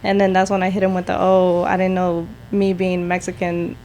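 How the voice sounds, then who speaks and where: Flat-voiced young woman chatting casually. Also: fairly low pitch, normal speed, slight background noise. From Prince George's County, Maryland, US. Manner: laid-back, storytelling with many fillers. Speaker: guest tattoo artist. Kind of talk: casual podcast chat.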